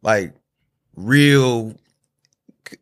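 A young American man chatting casually in slang, haltingly repeating himself as he works through his thoughts. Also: mid-range voice, a bit bright, clean tone. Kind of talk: casual chat.

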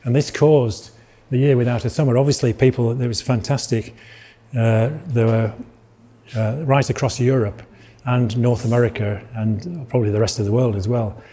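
A man's voice: mid-range voice, fairly even intonation, moderate pace, warm tone, husky. A middle-aged man with a Yorkshire accent giving an illustrated lecture, rambling with restarts and asides.

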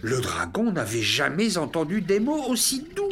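An expressive storyteller reading a children's tale, the voice rising and falling freely from phrase to phrase. The pitch sits in a middle range, and music plays behind the reading. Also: normal speed. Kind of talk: scripted narration of a children's tale.

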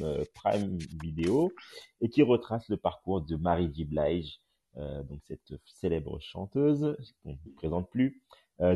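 A man with a very low, mellow, slightly husky voice hosts a casual live podcast room. He talks haltingly with frequent filler sounds, and he is picked up by a phone mic on an audio chat app. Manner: hesitant, many filler sounds. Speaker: podcast host and journalist.

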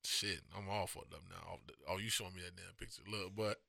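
A man co-hosting a podcast, talking in loose, profane, animated banter while he has the hiccups. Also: deep voice, quick pace, creaky, no room sound, studio quality. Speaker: podcast co-host. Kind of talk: casual chat.

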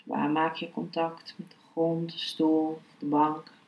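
A woman speaking as a meditation and philosophy teacher, calm, unhurried and instructive. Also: low-pitched, highs cut off. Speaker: yoga philosophy and meditation teacher, podcast host. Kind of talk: spoken lesson, then slow guided meditation. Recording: roomy, echoing sound.

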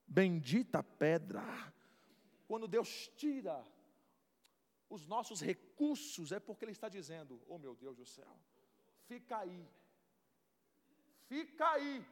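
A male pastor delivers a passionate sermon. His voice is high for a man. He sweeps from near-whispers up to ringing shouts, and a long hall reverb trails each phrase. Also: sing-song, a little slow, pauses often. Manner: fervent, swings from hushed to shouting. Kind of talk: preaching sermon.

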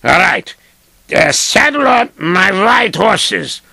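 A man playing a bossy, gravelly rich lord. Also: high voice, sing-song, slow, bright, forceful tone, dry recording, clean studio sound, full character voice. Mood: commanding. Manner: bossy, barking orders. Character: rich, arrogant, hot-tempered male lord. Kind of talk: amateur audio storytelling.

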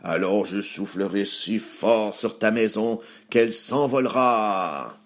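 A man voicing a hungry, ill-tempered male wolf who drags out his threats slowly. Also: sits low. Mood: menacing. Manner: slow, drawn-out threats.

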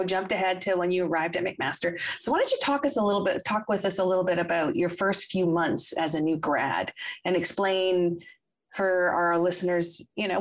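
A woman hosting a podcast, asking conversational interview questions with casual fillers. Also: on the low side. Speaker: podcast host.

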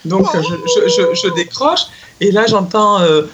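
A middle-aged woman recounting a memory in a relaxed conversation. She gets excitable, laughs easily and leaps up in pitch when she acts out what people said. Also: measured pace, background noise. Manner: excitable, laughs often, lively acted-out quotes. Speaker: guest telling a personal story. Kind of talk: casual storytelling chat.

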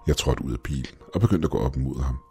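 A man narrating a scripted first-person story in a steady, measured way. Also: rumbling low, slightly rough, faint music behind.

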